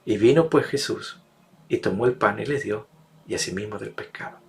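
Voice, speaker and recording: Gravelly-voiced male preacher. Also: lowish voice, moderate pace. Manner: emphatic, builds repetitive rhetorical lists. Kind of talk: sermon.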